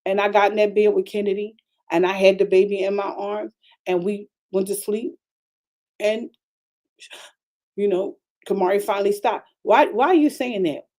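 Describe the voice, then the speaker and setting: An older woman pastor preaching a storytelling sermon, animated and emphatic, talking straight to her listeners. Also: mid-range voice, normal speed, long pauses.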